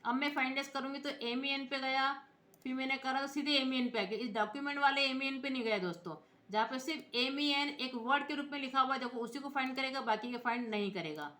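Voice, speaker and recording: A woman teaching computer software in speech, explaining each step and spelling out letters as she checks in with her viewers. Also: high voice, fairly quick. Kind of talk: screen-recorded software tutorial. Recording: echoey room.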